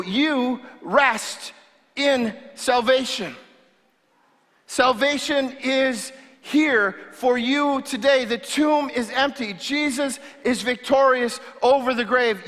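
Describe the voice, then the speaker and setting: Man, pastor, fiery rallying sermon, slow emphatic delivery, forceful bright voice, repeated phrases. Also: extremely high pitch. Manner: fervent, fiery rallying oratory with emphatic repetition. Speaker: pastor preaching an Easter sermon. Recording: reverberant hall.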